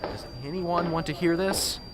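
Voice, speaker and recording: In an amateur radio drama, a man plays a jittery, unsure professor bringing a lead, stammering, hesitating, and fumbling for words. His voice is a little high and steady at a moderate pace, lightly acted, with background noise.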